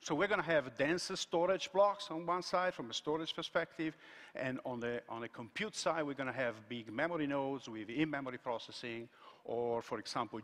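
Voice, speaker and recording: A man giving a conference keynote from a large stage, speaking haltingly with frequent restarts. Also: medium pitch, fairly bright tone. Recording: echoey hall sound.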